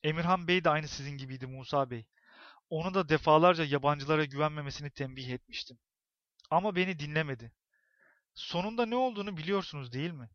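A man's voice: fairly high pitch, fast, no echo, highs cut off, close to an everyday voice. A man voicing a grim, unhinged middle-aged woman neighbor in a spoken story, with theatrical, ominous delivery. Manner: theatrical, ominous, rising to shouts.

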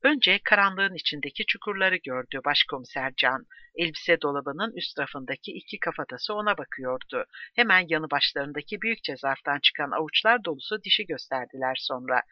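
A man's voice: on the high side, animated, normal speed, hardly any pauses, no room sound. Man telling a true crime story. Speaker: narrator. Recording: dull dry close recording.

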